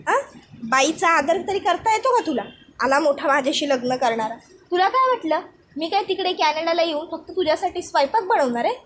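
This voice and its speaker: A woman's voice: extremely high pitch, animated, fairly quick, a bit bright, slight background noise. A woman doing a furious proud young woman. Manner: insulting, indignant.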